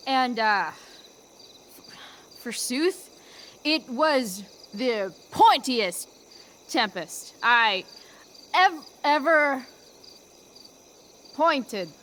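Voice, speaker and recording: A woman playing a blunt, sarcastic and reluctant rebellious teenage girl in a video game, halting when she recites. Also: on the high side, very animated, a bit bright, a little hiss or hum, exaggerated voice. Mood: awkward reciting. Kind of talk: naturalistic video game acting.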